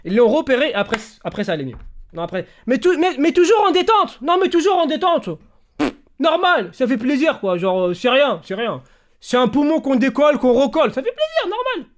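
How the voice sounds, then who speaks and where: Young guy streamer, animated storyteller, slangy chat. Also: very high-pitched, a little fast. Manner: animated storyteller, slangy, swings between loud bursts and quiet mumbling. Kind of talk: casual livestream chat.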